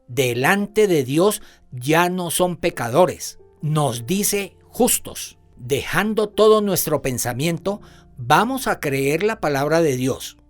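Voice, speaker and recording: Fervent interpreted sermon voice. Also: medium pitch. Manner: fervent, emphatic preaching with repeated assurances.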